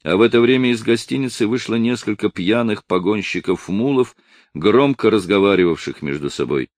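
A man narrating a historical novel in a steady, measured reading. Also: on the low side, no room sound, clean studio sound. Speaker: audiobook narrator. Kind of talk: scripted narration.

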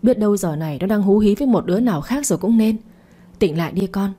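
A woman's voice: mid-range voice, animated, quick pace, mellow, breathy edge. A woman voicing a stern, worried middle-aged mother who presses her daughter with questions. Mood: angry, scolding. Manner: questioning, scolding.

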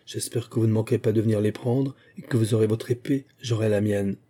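Man reading a touchy noble count in an audiobook, courtly and proud, husky and very dark. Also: lowish voice, steady tone, brisk, close to an everyday voice. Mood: solemn. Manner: courtly, insistent on honour.

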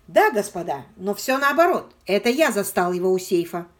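A woman's voice: mid-range voice, very animated, moderate pace, fairly bright tone. A woman doing an urgent, heated young man. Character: determined young man, wrongly accused.

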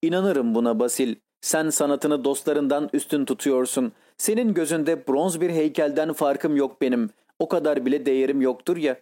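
A handsome, anguished young man, voiced by a male reader pours out his feelings with urgent, pleading intensity. The voice sits a little high and warm. The delivery hurries as his passion rises. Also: moderate pace, few pauses, natural voice. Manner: impassioned, pleading.

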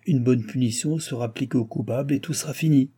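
Zealous court minister, read by a man, dark, husky, pushy. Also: medium pitch, fast, lightly acted. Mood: insistent. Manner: firm, insistent. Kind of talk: audiobook reading.

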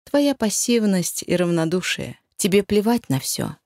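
A woman's voice: mid-range voice, expressive, measured pace, darkish tone, no room sound, clean studio sound, close to an everyday voice. A woman voicing a cold, domineering male master who taunts and demands in an audiobook. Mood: scornful.

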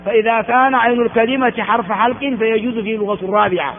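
High-voiced man teaching in an echoey hall. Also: steady tone, quick pace. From Ethiopia. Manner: repeats words and asks rhetorical questions. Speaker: religious teacher. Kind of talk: classroom lecture on hadith. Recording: phone-like sound in an echoey hall.

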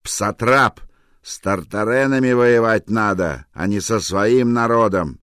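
Grumbling husband, read by a man, sarcastic, defensive, very deep voice, dry close sound. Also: unhurried, a bit bright, no room sound. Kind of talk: audiobook character voice.

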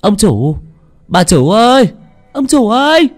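A man's voice: high voice, big pitch swings, takes it slowly, soft background music, voice pushed up, heavily acted. A man voicing a young female servant who cries out in panic and stammers. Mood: panicked.

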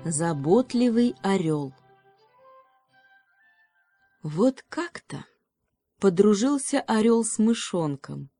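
A woman narrating fairy tales for an audiobook, in a gentle, unhurried storytelling manner. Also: mid-range voice, lively intonation, soft background music. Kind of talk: fairy tale reading.

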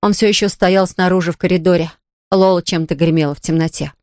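A woman narrating a children's story in an expressive, steady way. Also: on the low side, fast, dry recording, studio quality.

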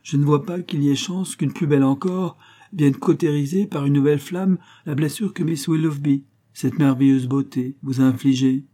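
A man's voice: a little high, moderate pace, warm tone, voice pushed up, lightly acted. A man reading aloud, voicing a weary, fretful genteel mother who speaks with dramatic exasperation.

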